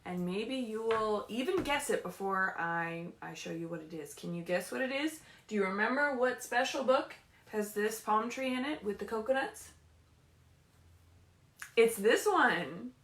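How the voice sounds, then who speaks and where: Speaking unhurriedly in a mid-range voice, a woman librarian leads a story time for young children from a room in her home. She's animated and encouraging and often asks the kids questions. The home livestream sounds roomy and echoey.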